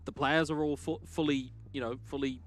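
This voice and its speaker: A man's voice: on the high side, steady tone, a little fast. A male esports co-commentator who chats at length and explains things, laughing easily during live coverage. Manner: chatty and explanatory, frequent fillers and restarts, laughs easily.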